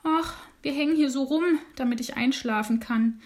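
A woman voicing a restless little male dormouse in a bedtime storybook, with a higher, eager childlike voice. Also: moderate pace, natural voice. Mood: cheerful.

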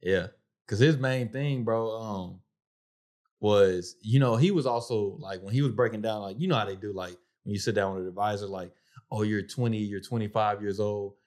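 A male podcast co-host with a slightly low voice. He talks casually and colloquially, as if to a close friend, in loose conversational slang. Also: normal speed, darkish tone. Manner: colloquial, peppers speech with "bro" and "man". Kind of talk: casual chat.

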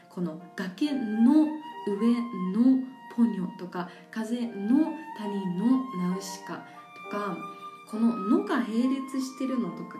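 A woman's voice: medium pitch, echoey room. A woman hosting a radio show, chatting casually and explaining things with lots of examples and easy laughter. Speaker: radio host. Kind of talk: casual radio talk about languages. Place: community radio studio. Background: faint guitar music.

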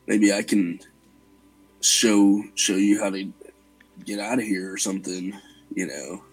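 Guy playing a super chill dude, husky, drawls really slow. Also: fairly low pitch, soft background music, low-quality recording. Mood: laid-back. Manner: drawling, relaxed, says man a lot. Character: laid-back young adult man, easygoing dude.

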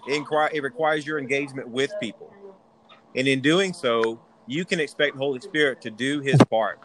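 A man preaching in a Southern US accent, his voice sitting at an ordinary middle pitch. He teaches a sermon with earnest emphasis, circling back to repeat his key words. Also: background noise.

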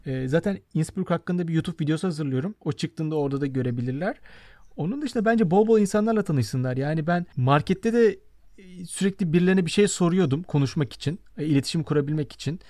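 A man's voice: a little high, fast, dark tone, no room sound, clean studio sound. A man in his twenties from Turkey hosting a casual podcast chat, choosing his words with care. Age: 20s. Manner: careful word choice. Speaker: podcast host.

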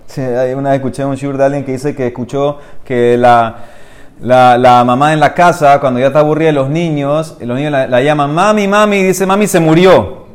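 A man's voice: mid-range voice, steady tone, brisk, clean tone. A man teaching a Talmud class, reading each phrase of the text and then explaining it, and speaking directly to his listeners with emphasis.

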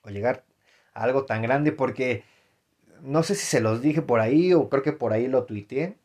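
A young adult man with a Mexican accent talks casually to his podcast listeners. His voice sits at a middle pitch. He rambles, restarts his sentences and drops in slang and fillers as he thinks aloud. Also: moderate pace, a little mellow. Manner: rambling, frequent fillers and self-corrections, slangy. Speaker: podcast host. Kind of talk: casual solo podcast commentary.

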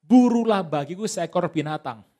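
A pastor voicing an old, blind, dying father who asks his son to hunt and cook him a meal, in a slow and pleading way. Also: high-pitched, expressive, warm tone.

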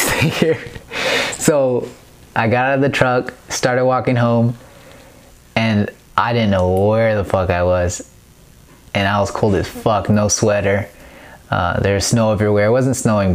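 A man's voice: lowish voice, measured pace, long pauses. A young man hosting a podcast, telling a story in a loose, profane way with lots of laughs. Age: young adult. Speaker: podcast host. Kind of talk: casual storytelling.

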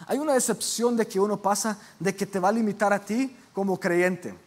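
A man's voice: high-pitched, moderate pace. A young man preaching a sermon in a conversational way, asking the audience questions and acting out quoted voices. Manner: conversational, asks the audience questions, many fillers.

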